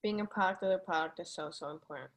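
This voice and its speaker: A woman's voice: lowish voice, quick pace. A woman hosting a video call, giving an emphatic, encouraging pep talk about money and mindset. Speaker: host. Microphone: video call microphone.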